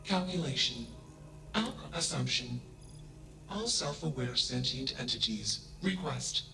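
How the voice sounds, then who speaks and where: A flat, emotionless AI. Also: male voice, medium pitch, measured pace, gravelly. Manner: flat, emotionless, clipped keyword speech. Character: emotionless male AI mind, cold and literal. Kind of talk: video game dialogue. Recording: echoey game audio over music.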